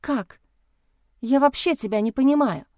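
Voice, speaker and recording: A woman's voice: high-pitched, unhurried, darkish tone, no echo, studio quality, pitched above the performer's own voice. A woman voicing a worried young heroine who fires off anxious, urgent questions. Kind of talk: audiobook character voice.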